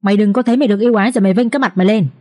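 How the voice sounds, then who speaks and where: A woman voicing a calm, fair-minded senior concubine in a storybook reading, reasoning in a measured, level way. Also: medium pitch, close to an everyday voice. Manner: measured, reasoning, then sharply scolding.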